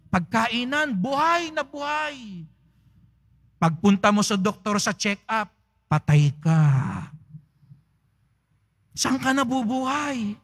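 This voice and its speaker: A man preaching from the pulpit of a large church, his fairly high voice carrying a long echo through the hall. He talks at an unhurried pace, tossing rhetorical questions to the congregation and playfully mimicking their replies. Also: a bit bright. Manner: playful, acting out parishioners' quoted lines. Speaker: priest. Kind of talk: sermon.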